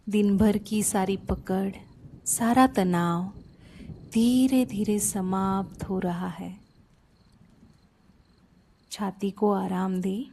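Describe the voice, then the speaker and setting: A woman with a slightly rough, mid-range voice softly leads a sleep meditation, soothing and unhurried, leaving pauses between short phrases.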